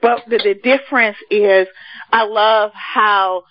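A woman's voice: mid-range voice, fairly even intonation, takes it slowly, no room sound, dull audio. A woman with a Washington, D.C. accent chats casually as an effusive, emphatic talk show host.

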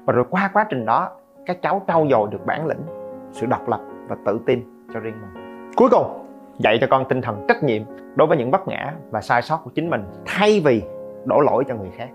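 A man's voice: mid-range voice, brisk. Man hosting a podcast. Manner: lively, joking asides to listeners. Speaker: podcast host. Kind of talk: podcast monologue on parenting. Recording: slightly dull, faint guitar music.

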